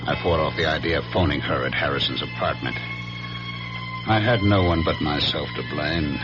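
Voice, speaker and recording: This is a very deep-voiced actor performing first-person radio drama narration as a brooding, jealous husband, a weary businessman recalling what came before. He sounds melancholy, and his delivery is measured, dramatic and ruminative. Dramatic music plays behind him in a dull vintage radio recording.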